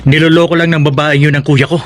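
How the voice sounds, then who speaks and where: An actor playing a caring, middle-aged father who talks gently but knowingly, in a radio drama. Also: on the high side, little pitch movement, fast talker, close to an everyday voice. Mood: gentle.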